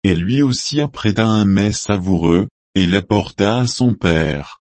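A man reading scripture aloud in a slow, solemn manner. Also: fairly low pitch, darkish tone, dry recording. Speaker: scripture reader.

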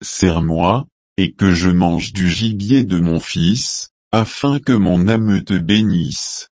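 A man voicing an old blind father giving his blessing, in a slow, solemn reading. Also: sits low, a little mellow, no room sound.

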